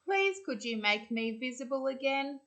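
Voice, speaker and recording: A woman voicing a small, polite young female possum in a children's storybook, with gentle manners. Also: high voice, animated, moderate pace. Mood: polite, earnest.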